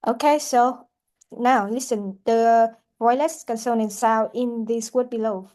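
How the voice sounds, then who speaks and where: A woman teaching a pronunciation lesson, speaking haltingly with many fillers and repeated words. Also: on the high side, fairly even intonation, mellow. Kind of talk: classroom lesson explanation.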